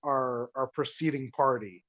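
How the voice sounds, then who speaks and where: A man's voice: medium pitch, measured pace, a bit bright, no room sound. A man at a tabletop game, laying out his plan in a rambling, persuasive way with lots of restarts. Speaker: tabletop player. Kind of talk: casual in-character planning talk. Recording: dull muffled dry mic sound.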